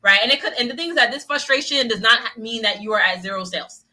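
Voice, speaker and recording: A woman coaching business owners in a quick, lively talk, tagging her points with "right?" as she goes. Her voice is bright and forward, and she rattles along at a brisk clip. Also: fairly high pitch, rough recording. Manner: upbeat, peppers sentences with "right?"; acts out little voices of clients. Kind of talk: motivational solo podcast talk.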